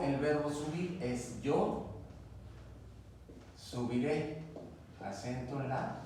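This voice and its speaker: A man teaching a grammar lesson at a classroom board, patiently spelling out each verb form step by step. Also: medium pitch. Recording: echoey room, distant mic, faint noise.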